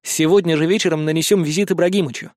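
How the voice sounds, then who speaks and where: Brief: male narrator as an earnest kind boy captain, a touch high, dry close sound. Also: steady tone, quick pace, a little mellow, no room sound, close to an everyday voice. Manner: earnest, kindly. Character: earnest schoolboy gang captain.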